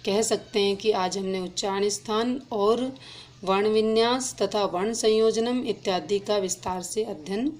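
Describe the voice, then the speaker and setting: A woman teaching an exam-prep lesson, slowly spelling out sounds and letters one by one. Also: medium pitch, steady tone, darkish tone.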